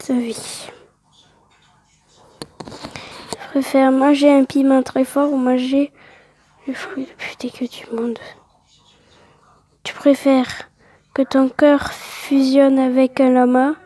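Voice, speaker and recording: A woman hosting a casual gaming video, with a high pitch and a mellow, soft tone. She reads quiz questions aloud and answers them offhandedly. She drops into half-whispers now and then, keeping a fairly flat delivery. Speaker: video host.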